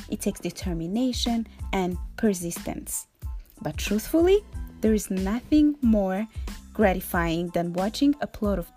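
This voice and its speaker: Upbeat young woman from rwanda doing her own podcast, playful and motivational, some soft music underneath. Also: medium pitch. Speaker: podcast host. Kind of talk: solo podcast monologue.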